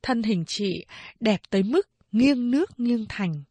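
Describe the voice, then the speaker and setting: A woman narrating a novel in a measured, expressive storytelling voice. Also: a little high, husky, dry recording. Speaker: audiobook narrator.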